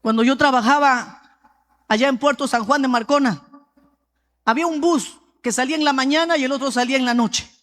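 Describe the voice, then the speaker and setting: A woman's voice: high-pitched, a little fast. Peruvian woman preaching in a reverberant hall. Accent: Peruvian Spanish. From Peru. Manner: lively storytelling, often calling out "brother" to the congregation. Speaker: pastor. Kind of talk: sermon with personal testimony.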